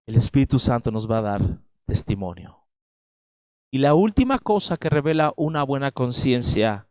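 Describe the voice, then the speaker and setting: A man's voice: mid-range voice, a little mellow, no echo. A man preaching a sermon in a Mexican accent, emphatic and speaking straight to his listeners. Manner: emphatic preaching, addresses listeners directly with frequent "¿verdad?". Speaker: pastor.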